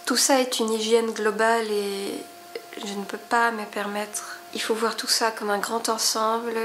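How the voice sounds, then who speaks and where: A woman in a casual diary vlog at home, musing in a tired, hesitant way, often dropping to a whisper, and switching to a high baby voice for her cat. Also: fairly bright tone, a little hiss or hum. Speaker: vlogger.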